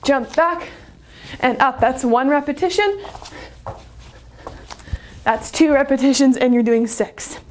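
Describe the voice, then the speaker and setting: Fitness instructor, woman, high voice, upbeat cueing, winded from exercising. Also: slow pace, long pauses, slight background noise. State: out of breath. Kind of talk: workout demonstration.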